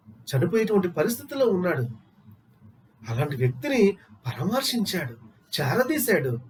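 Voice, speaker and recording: A man's voice: high voice, a little hiss or hum. A man preaching a sermon, asking his listeners rhetorical questions and repeating phrases for emphasis.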